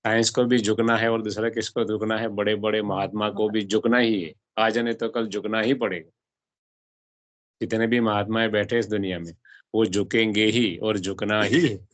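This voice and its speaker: Low-voiced man teaching a spiritual class. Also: little pitch movement, moderate pace, no room sound. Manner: asks the audience questions and mixes in English words. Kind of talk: explaining a religious text to a class.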